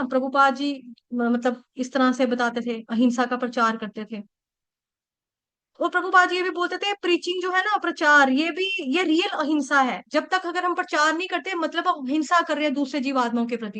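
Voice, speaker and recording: A woman's voice: sits high, fairly bright tone. A young woman giving a devotional scripture talk in a chatty storytelling manner, often checking in with listeners. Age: young adult. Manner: conversational storytelling, frequent checks like "okay" and "right". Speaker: devotional speaker.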